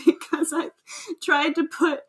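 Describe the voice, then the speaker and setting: A woman's voice: sits high, level tone, slow pace. A young woman co-hosting a casual trivia chat, laughing often and tripping over her words. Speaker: podcast co-host.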